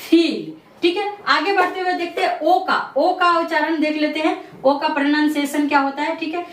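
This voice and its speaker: A high-voiced woman gives an English pronunciation lesson. She asks a question, then answers it herself over and over. She sounds a bit far from the mic, in a roomy echo. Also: moderate pace, a bit bright. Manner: repeats questions and answers them herself, lots of "theek hai". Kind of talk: classroom-style lesson explanation. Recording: echoey room, voice from a distance.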